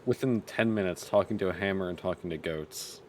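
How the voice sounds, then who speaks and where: Deep-voiced man playing a tabletop game. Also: brisk, a little mellow. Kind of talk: casual in-game chat. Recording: clear background noise.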